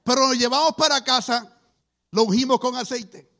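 Middle-aged guy preaching testimonies, very high bright voice, acts out every quote. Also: moderate pace. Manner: lively storyteller acting out quoted voices. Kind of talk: testimony sermon.

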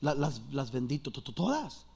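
A man preaching while voicing a timid young male Bible seller who stutters heavily, low and quiet. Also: big pitch swings, moderate pace, gravelly.

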